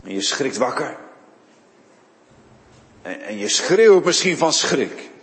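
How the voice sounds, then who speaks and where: A man's voice: mid-range voice, big pitch swings, takes it slowly, fairly bright tone, long reverb tail. A man preaching a sermon, retelling a Bible story with dramatic storytelling and frequent word repeats.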